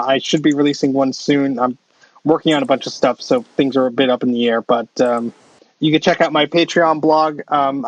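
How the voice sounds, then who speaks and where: A man co-hosting a casual podcast over a video call, relaxed and full of fillers. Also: medium pitch, dry recording, lo-fi sound. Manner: relaxed, filler-heavy plugging. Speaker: podcast co-host. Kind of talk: casual chat.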